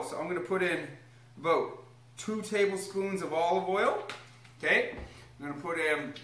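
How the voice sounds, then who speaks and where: Speaking in a high, bright, forceful voice, a young man leads a casual cooking demonstration at home. The kitchen echoes and carries slight background noise, and he encourages the small child helping him while cheerfully explaining each step.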